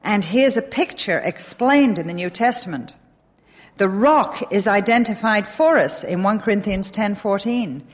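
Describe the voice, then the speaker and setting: A middle-aged woman with an English accent teaches from the Bible, leaning hard into key words and poking gentle fun at herself. Her voice sits at an ordinary middle pitch. The sound carries a long reverb, as in a large hall. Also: a little slow. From England. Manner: animated and emphatic, with self-deprecating humor.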